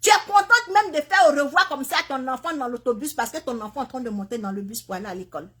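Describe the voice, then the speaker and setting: A woman's voice: sits high, quick pace, fairly bright tone, breathy edge. A woman, speaking into a phone video and lecturing other mothers with repeated, pointed questions. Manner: preachy, repetitive, scolding questions to other mothers. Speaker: woman sharing her migration story. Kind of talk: impassioned direct-to-camera appeal. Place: Canada.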